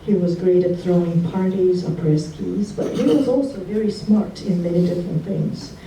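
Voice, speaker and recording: Mellow-voiced woman giving a eulogy in an echoey hall. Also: fairly low pitch. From Russia. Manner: heartfelt, halting, with pauses. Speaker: eulogy speaker. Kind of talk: memorial tribute speech. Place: memorial gathering hall. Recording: roomy hall from far off, faint noise.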